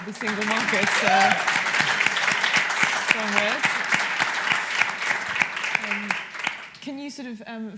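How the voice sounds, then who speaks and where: A woman moderates a conference panel, asking questions with hesitant ums. Her mid-pitched voice is buried under loud crowd chatter and heavy noise.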